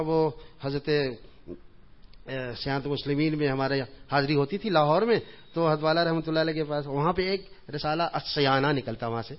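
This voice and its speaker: Chuckling male preacher, lo-fi mosque tape. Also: medium pitch. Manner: chatty storytelling, chuckles at his own jokes. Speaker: religious scholar giving a reform talk. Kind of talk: informal sermon with humorous anecdotes. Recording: dull lo-fi recording.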